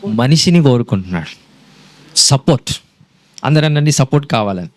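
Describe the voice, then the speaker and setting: A man's voice: medium pitch, moderate pace. A man preaching a sermon, quizzing the congregation and mixing in English phrases. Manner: animated preaching, quizzing the congregation, switching between Telugu and English.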